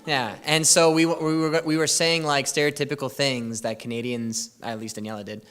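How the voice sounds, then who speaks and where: A young man's mid-range voice, smooth and slightly bright, moves fairly quickly with fairly even intonation as he tells the church youth about a trip. In the church hall, the presenter's story rambles, stops mid-sentence, and overflows with fillers.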